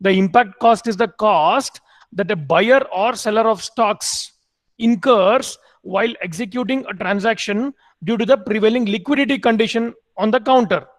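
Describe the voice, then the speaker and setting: A man's voice: high-pitched, moderate pace. A man lecturing an online MBA class, repeating key points and quizzing students with questions.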